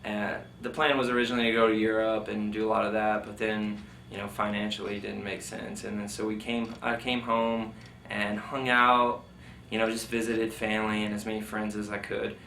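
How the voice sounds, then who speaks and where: Speaking with a fairly low, flat, creaky voice that is bright and forceful, a veteran briskly recalls his military service in an interview. His talk is rambling and informal, heavy on "like" and "you know." It's captured on a distant mic in a roomy room with faint noise.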